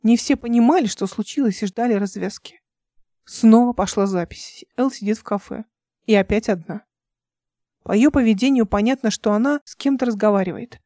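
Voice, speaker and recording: A woman reading her own science fiction audiobook in steady, even narration on a close microphone. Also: on the high side, normal speed, no room sound. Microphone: home microphone, close.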